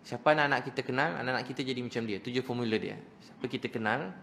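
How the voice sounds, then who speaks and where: A man with a Malaysian Malay accent giving a religious lecture to an audience, telling emotional stories that swing from hushed to loud, with quick, animated, repetitive phrasing. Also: medium pitch, vocal fry, slight background noise. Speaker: preacher.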